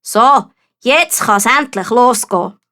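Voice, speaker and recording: A bumbling storybook knight, put on by a woman, pitched high and eager. He sounds pompous yet hesitant, a would-be hero. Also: expressive, moderate pace, a bit bright. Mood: flustered, eager. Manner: hesitant, throat-clearing, pompous. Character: eager, bumbling, self-proclaimed heroic young male knight. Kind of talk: storybook character voice.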